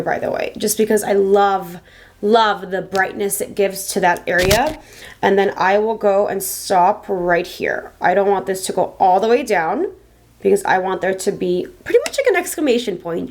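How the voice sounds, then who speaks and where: Chatty young woman giving a makeup tutorial. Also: mid-range voice. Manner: chatty, emphatic, repeats words for stress. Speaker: beauty vlogger. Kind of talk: casual makeup tutorial, talking to camera. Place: small indoor home filming setup.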